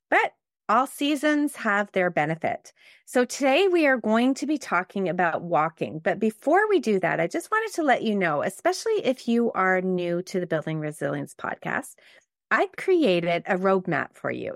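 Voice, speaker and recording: A woman's voice: on the low side, no echo, studio quality. Chatty woman hosting a podcast. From Montreal, Canada. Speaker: podcast host. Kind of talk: casual solo podcast talk.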